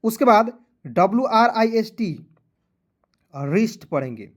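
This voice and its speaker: A tired man teaching an online lesson, spelling out English words letter by letter, then slowly saying each one while checking that viewers follow. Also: sits high, big pitch swings. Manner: keeps addressing viewers as friends, checking "clear?".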